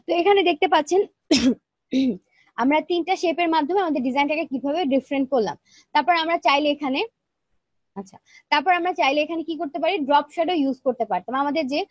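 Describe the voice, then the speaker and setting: A woman teaching an online design class, explaining each step plainly and checking in with her students, speaking softly because she feels weak today. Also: high-pitched, dry recording, dull audio. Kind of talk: live screen-share tutorial.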